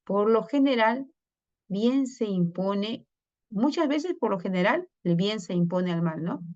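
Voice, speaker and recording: A woman's voice: medium pitch, expressive, a little mellow, highs cut off. A woman teacher with a Peruvian Spanish accent, giving a classroom lesson on story structure and asking the class questions. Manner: slow, questioning, acts out story voices.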